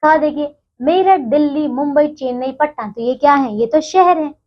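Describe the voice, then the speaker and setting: Lady teacher going over a chapter with little kids, high pitched, keeps checking they follow, bit muffled sound. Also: moderate pace. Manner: addresses children, repeats "ठीक है बच्चों" often. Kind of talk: classroom lesson explaining a textbook chapter.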